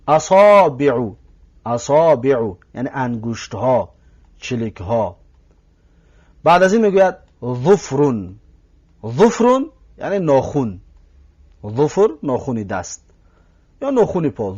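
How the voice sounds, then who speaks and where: A man with a Tajik accent teaching an Arabic lesson, who says words again slowly to drill them and keeps asking the listeners whether they follow. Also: medium pitch, a little mellow, lo-fi sound. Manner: addresses listeners directly, asks if they follow. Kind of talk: recorded language lesson.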